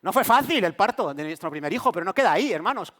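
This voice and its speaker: High-voiced preacher telling a story. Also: male voice, very animated, quick pace, a bit bright. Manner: storytelling preacher who acts out quoted voices. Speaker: pastor. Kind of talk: sermon.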